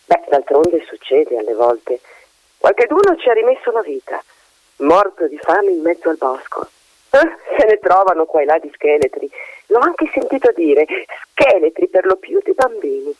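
A talkative, insinuating female magpie voiced by a man in a storybook reading. The voice sits high and swoops about. The recording is dull and lo-fi and dry. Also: big pitch swings, moderate pace, no room sound. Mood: helpful. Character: chatty female magpie, gossipy and ominous.

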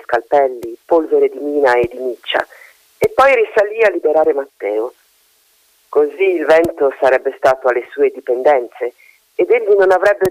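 A man narrating a novel in a measured, expressive storytelling manner. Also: on the high side, no room sound, rough recording.

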